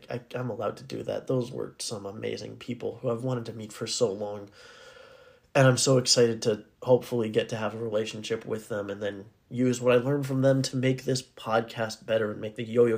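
A man with a raspy, hoarse voice talking casually and earnestly as the solo host of a podcast. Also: medium pitch, steady tone, fairly quick, darkish tone. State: hoarse, needing to clear his throat.

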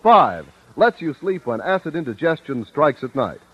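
A husky man delivers a chipper 1950s radio ad. His pitch is a little high and swings in a lively way as he hammers each selling point. It is a dry but muffled vintage radio recording. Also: normal speed. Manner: emphatic, itemized sales pitch. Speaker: radio advertising announcer.

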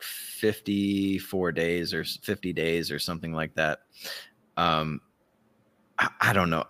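A man with a low, slightly bright voice co-hosts a casual live podcast. He talks in a mocking, sarcastic way, chuckles often as he speaks and swears casually.

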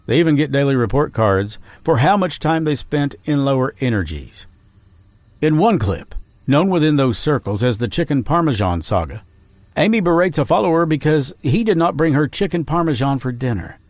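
A man's voice: on the high side, big pitch swings, no echo. A man hosting a podcast, reading a scripted true-crime narration and quoting sources. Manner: measured storytelling, reading quotes. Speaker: podcast host. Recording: dry studio voice with faint music.

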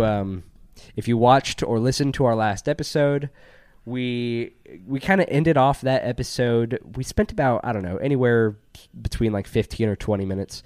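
A man talks as a podcast co-host in a very dry, close recording. His mid-pitched voice is a touch stuffed up from allergies. He rambles informally, moving between reading aloud and offhand commentary. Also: darkish tone, no room sound. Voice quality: slightly congested, stuffy from allergies. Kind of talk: casual podcast chat, reading out a listener email.

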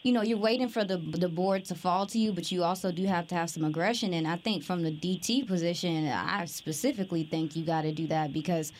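A woman co-hosting a casual talk show, animated and peppering her points with "like". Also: lowish voice, a little fast, hardly any pauses. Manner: animated, uses "like" often. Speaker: co-host. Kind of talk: casual chat.

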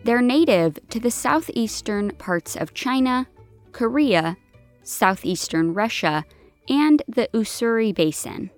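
A woman producing a podcast, reading scripted narration in a clear, informative way. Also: fairly high pitch, animated, slow, soft background music.

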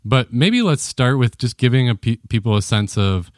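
A man's voice: mid-range voice, expressive, normal speed, no echo, clean studio sound. A man hosting a podcast interview, asking friendly, open questions to draw out his guest's story. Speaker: podcast host.

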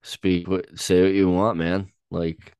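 Very deep, smooth-voiced man. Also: level tone, darkish tone, dry recording. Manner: hesitant, halting, many ums and restarts. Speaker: podcast co-host. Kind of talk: casual chat reacting to songs.

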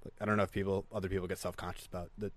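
A man on a podcast, telling stories in animated casual chat and swearing casually. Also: low voice, very fast.

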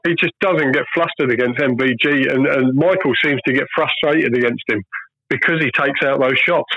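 A man's voice: mid-range voice, normal speed, sharp tone, dry recording, muffled recording. A man, a former professional darts player, chatting as a guest in an earnest, emphatic way and repeating his key points. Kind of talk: casual phone-in chat.

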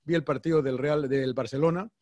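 A man's voice: on the high side, fairly even intonation, a little fast, darkish tone, no echo, lo-fi sound. Swearing Mexican man in casual chat. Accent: Mexican Spanish. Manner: crude, joking, swears often. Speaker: podcast co-host.

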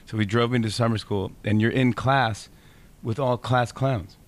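A man on a podcast, telling a childhood story in an animated way and laughing often. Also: mid-range voice, normal speed. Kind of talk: casual chat.

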